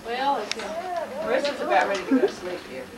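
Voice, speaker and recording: A woman's voice: high voice, expressive, a little fast. Woman on an old home-video tape, chatting. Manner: chatty, exclaims over gifts. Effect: old home-video tape sound. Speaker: family member opening Christmas presents. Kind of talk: casual family chat. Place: living room at a family holiday gathering. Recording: roomy, distant old camcorder tape. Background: family chatter.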